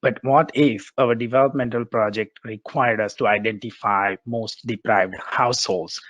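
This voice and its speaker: A man with a bad cold and a muffled, congested voice, giving a halting, explanatory research presentation on a webinar. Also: on the low side, a bit bright, no echo.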